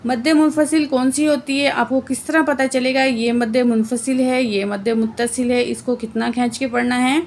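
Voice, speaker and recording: A woman teaching Quran recitation word by word, explaining the rules plainly and reciting verses slowly with drawn-out sounds. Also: fairly high pitch, slight background noise. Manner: often adds "theek hai" to check understanding. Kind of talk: slow word-by-word recitation lesson.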